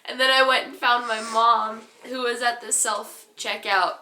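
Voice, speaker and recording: Giggly high-voiced teen girl in echoey room. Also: unhurried. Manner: animated, giggly storytelling with rambling asides. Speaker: vlogger. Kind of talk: casual story time.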